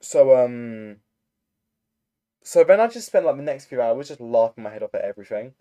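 A man's voice: medium pitch, sing-song, moderate pace, warm tone. A young man, telling a rambling story in casual chat over a voice call, full of fillers. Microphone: computer mic on a voice call.

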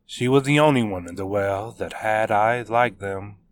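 A man narrating his own serialized web novel in a measured, steady reading. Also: lowish voice. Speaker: author narrator.

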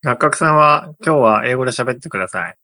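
A speaker in a casual chat, teasing the others with quick questions. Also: mid-range voice, expressive, pushed and bright, no echo.

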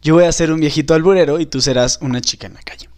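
A man's voice: a little high, racing, a little mellow. A man with a Mexican accent who co-hosts and bosses the others through casual banter and sets up improv scenes.

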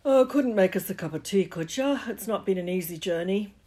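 A woman voicing a huge, rough-spoken but kindly male giant who talks in a broad dialect. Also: mid-range voice, lively intonation, brisk, warm tone, close to an everyday voice. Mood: gruff, hearty. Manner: broad dialect, gruff and hearty.

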